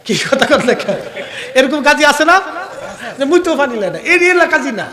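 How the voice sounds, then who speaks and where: A man preaching a sermon, moving from calm explanation to loud scolding and rhetorical questions put to the crowd. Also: very high-pitched, brisk. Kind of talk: fiery sermon answering audience questions. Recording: long hall reverb.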